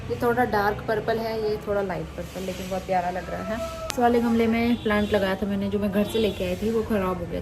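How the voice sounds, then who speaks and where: A woman's voice: medium pitch, background noise. Chatty young woman vlogging at home. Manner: warm, homely and talkative, speaking to viewers and her child. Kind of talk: casual chatty vlog narration. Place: at home, indoors.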